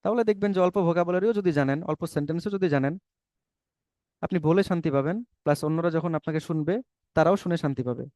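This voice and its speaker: A man's voice: fairly high pitch, fast, a little mellow, dry recording. Persuasive man teaching English. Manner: persuasive, rhetorical questions, mixes in English words. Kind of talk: webinar lecture.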